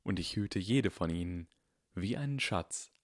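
A man voicing an eccentric, kindly old wizard headmaster, speaking softly and unhurriedly. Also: low-pitched, lively intonation, dry recording, studio quality. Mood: wry. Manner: soft, unhurried and gently whimsical. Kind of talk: audiobook character voice.

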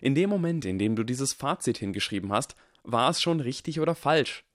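A man reading the part of a calm, earnest young wizard who explains his reasoning in a measured, persuasive way. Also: medium pitch, no room sound, clean studio sound, voice pushed up, natural voice. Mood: earnest lecturing. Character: calm, earnest boy wizard lecturing on science.

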